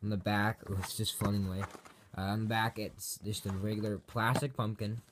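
Low-voiced man rambling through a casual review. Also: level tone, fairly quick. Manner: rambling and repetitive, with self-corrections. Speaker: reviewer of Halloween props on his own channel. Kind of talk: casual unscripted product review. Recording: amateur home video with background noise.

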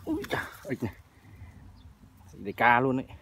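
A man's voice: medium pitch, huge pitch swings, a little slow, a bit bright. A man chatting to his viewers while fishing for frogs outdoors in the fields. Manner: chatty, addresses viewers as family. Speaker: vlogger. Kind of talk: casual outdoor narration. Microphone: handheld phone or body camera. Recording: noisy outdoor field recording.

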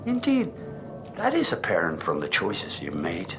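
Theatrical, probing middle-aged therapist. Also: male voice, low voice, wildly swooping pitch, gravelly, full character voice. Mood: intense, probing. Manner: deliberate, theatrical, dropping into hushed tones. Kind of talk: dramatic horror game acting. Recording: music under the voice.

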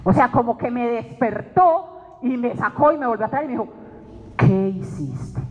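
A woman with a voice on the high side speaks briskly as she gives a dramatic testimony sermon to her faith group, voicing her own words from the story. She is a speaker at a weekly faith meeting, captured in a dull recording in a reverberant hall.

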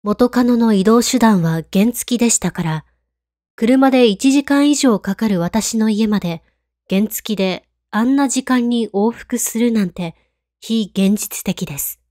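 A woman reading a scripted horror story in a hushed, calm, creepy storytelling manner. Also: a little high, unhurried, no room sound, studio quality. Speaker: ghost story narrator.

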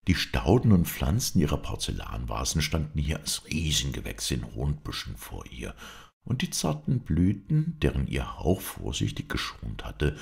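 A man reading an old fairy tale aloud as an audiobook narrator, expressive and dramatic. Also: rumbling low, gravelly. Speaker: audiobook reader. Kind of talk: storybook narration.

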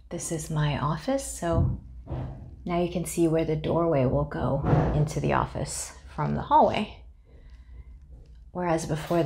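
This young woman's voice is low and creaky as she casually walks viewers through her townhouse under construction. A homeowner vlogger, she narrates in a relaxed, chatty way on a handheld phone camera indoors, with building noise behind her.

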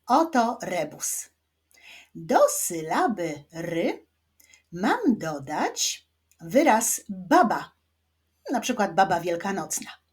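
A woman with a Polish accent teaching children to read, sounding out each syllable clearly. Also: mid-range voice, big pitch swings, takes it slowly, long pauses. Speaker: reading teacher. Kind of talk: children's reading lesson.

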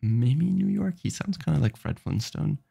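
A man's voice: fairly high pitch, sing-song, normal speed, creaky, dark tone, slightly rough. A sleepy man streaming late at night, rambling and restarting his sentences as he chats. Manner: rambling, self-interrupting, tired.

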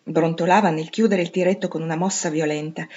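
A petulant, grumbling older girl who longs for finer things, as a woman reading aloud puts her on. Her voice is raised above the reader's own and slightly husky. The recording is dull and lo-fi. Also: sits low, fairly even intonation, fairly quick, a little mellow. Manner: complaining, petulant. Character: sulky elder teenage sister, longing for luxury.

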